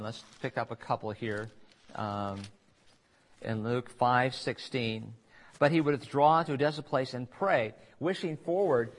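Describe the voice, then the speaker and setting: A preacher with an ordinary mid-range voice gives a sermon in a conversational style, drifting into asides and restarting phrases. It sounds like a taped church service.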